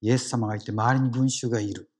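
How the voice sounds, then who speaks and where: A man's voice: medium pitch, steady tone, fast, darkish tone, slight background noise. A man with a Kansai accent giving a conversational sermon as a lay preacher, engaging the congregation with questions. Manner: engaging, asks the congregation questions, frequent "ne" tags.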